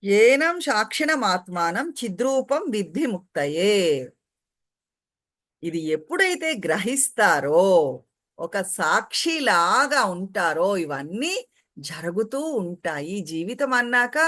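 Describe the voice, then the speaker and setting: A woman giving a calm, explanatory spiritual talk, reciting Sanskrit verses and acting out everyday quotes. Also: mid-range voice. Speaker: spiritual teacher translating commentary. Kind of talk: spiritual discourse.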